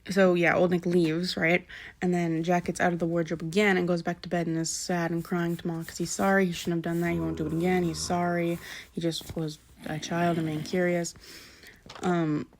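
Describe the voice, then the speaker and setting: A woman's voice: fairly low pitch, little pitch movement, moderate pace. A woman casually retelling a novel's plot as a vlogger, rambling with lots of fillers, backtracking to correct herself and swearing offhandedly. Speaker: book vlogger.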